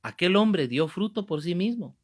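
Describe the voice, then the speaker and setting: A man in his fifties preaches through a Bible class with fervour, hammering home his points by repeating them. His voice sits a little high for a man. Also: expressive, normal speed. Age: 50s. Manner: fervent, emphatic, repeats key phrases.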